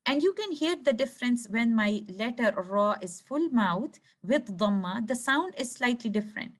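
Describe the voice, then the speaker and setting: A woman with a slightly high voice gives a recorded recitation lesson. She explains each rule step by step. She slows down to sound out single letters with care. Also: expressive. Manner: slow, careful demonstration of letter sounds. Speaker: tajweed teacher.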